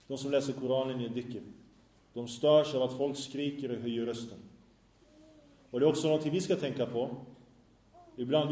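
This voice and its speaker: This clip features a male Islamic teacher whose voice is medium-pitched and mellow, echoing around a small room where a microphone records him. During his religious lesson, he asks the class questions only to answer them himself.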